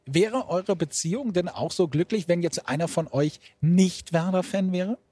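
A man's voice: high voice, normal speed, dark tone, slightly rough. A man interviewing a couple, asking friendly, light questions. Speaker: interviewer, reporter.

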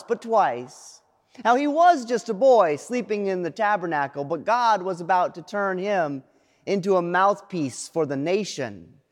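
A man preaching a sermon as pastor, dramatic, with pauses and repeated refrains. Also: high voice, long reverb tail. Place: church sanctuary.

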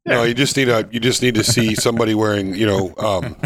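Man, lowish voice, podcast chat, dry humor, measured delivery. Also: steady tone, a bit bright. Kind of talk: casual banter.

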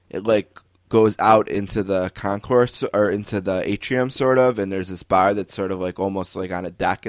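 A man with a fairly low voice hosts a laid-back sports talk show. His sound is close and dry. He talks loosely and easily, with fillers along the way. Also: no echo. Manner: relaxed, conversational with fillers. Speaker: host. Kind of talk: casual sports chat.

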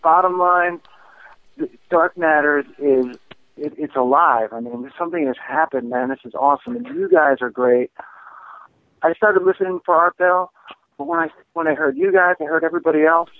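Male radio show caller on a tinny phone line, casual and upbeat, somewhat high voice. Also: expressive, normal speed, vocal fry, dry recording. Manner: casual and upbeat, says "man" a lot. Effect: phone-line call-in audio. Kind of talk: casual call-in chat.

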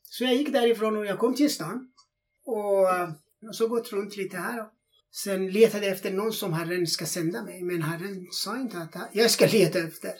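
A man telling a personal faith testimony in an interview, speaking in non-native Swedish and acting out the dialogue in his story with feeling. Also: sits high.

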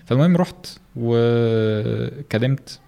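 A man's voice: mid-range voice, slow pace, gravelly, dark tone. A man with an Egyptian Arabic accent, a podcast guest chatting casually and telling stories in an interview.

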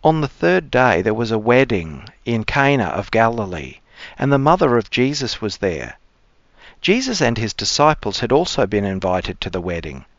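A man speaking as a cleric, giving measured, formal scripture readings and reflection. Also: medium pitch, no room sound. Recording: dry, slightly dull close sound.

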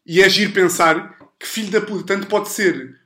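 A man's voice: sits high, steady tone, normal speed, pushed and bright. A man hosting a podcast in a home with casual, joking talk. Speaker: podcast host. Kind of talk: casual comedic chat. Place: indoors in a home. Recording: roomy, echoey home recording.

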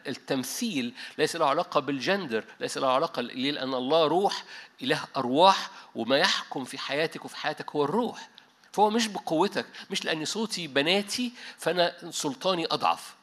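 A man with an Egyptian Arabic accent delivers a sermon in an animated style, slipping into English now and then. His voice sits a little high and rings with a bright, forceful edge. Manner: animated preaching with English asides and frequent restarts. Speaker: pastor. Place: church meeting hall.

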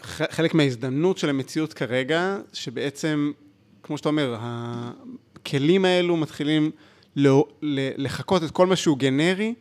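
A male podcast host speaking reflectively, thinking aloud as he frames his questions. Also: a little high. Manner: thoughtful, searching. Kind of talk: reflective interview talk.

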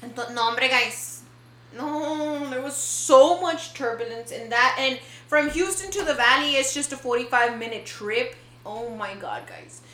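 Brief: female podcast host, high bright voice, animated code-switching storyteller, echoey room. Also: slow pace. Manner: animated, dramatic storyteller switching between Spanish and English. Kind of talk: casual storytelling chat. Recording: echoey room with faint ambience.

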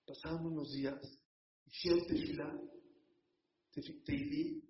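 A man tells a religious story to a congregation, dramatic and animated. His voice sits a bit high. It rings through a long hall with dull, muffled sound. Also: unhurried. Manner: dramatic, animated, addresses listeners directly.

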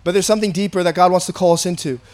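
Rapid-fire and steady, the pastor's high, slightly hoarse male voice carries a raspy, darkish tone. His sermon is earnest and conversational, full of repetition.

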